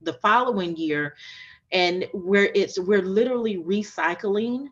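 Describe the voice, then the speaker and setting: At a measured pace, a woman with a medium-pitched voice hosts a casual podcast interview, though the recording has its highs cut off. A host and coach, she speaks enthusiastically and emphatically, repeating phrases to stress them.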